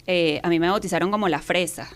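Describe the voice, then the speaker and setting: A Venezuelan woman with a somewhat low voice chats on a radio show. She tells her stories with animated energy and a relaxed, informal flow. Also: quick pace. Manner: chatty, animated storytelling. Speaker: journalist guest. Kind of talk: casual radio interview.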